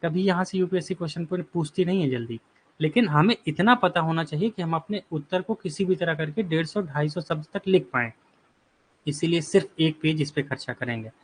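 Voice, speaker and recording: Chatty teacher with a fairly high voice. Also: male voice. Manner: reassuring, repeats "ठीक है" and "बिल्कुल" while reading out student replies; explains terms slowly, asking and answering his own questions. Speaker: online exam-prep teacher. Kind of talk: live online class lecture.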